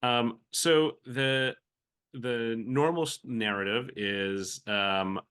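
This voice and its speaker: Speaking slowly in a mid-range, slightly bright and smooth voice, a venture capital guest in his forties joins a conversational podcast interview. He was born in the Philippines and sounds American. His reflective talk is dotted with fillers and restarts.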